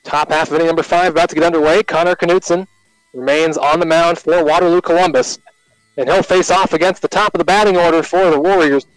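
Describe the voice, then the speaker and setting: American guy doing radio baseball play by play, slightly high voice, short clipped calls, pretty dry sound. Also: steady tone, fast, no room sound, faint music behind, low-quality recording.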